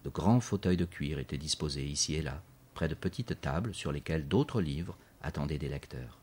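A man reading a children's story aloud in a measured, clear narration. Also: extremely low pitch, animated, darkish tone, slight background noise.

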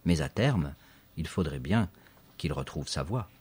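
Very deep husky male narrator. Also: unhurried. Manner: expressive storytelling, lively emphasis. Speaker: audiobook narrator. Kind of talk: scripted story narration.

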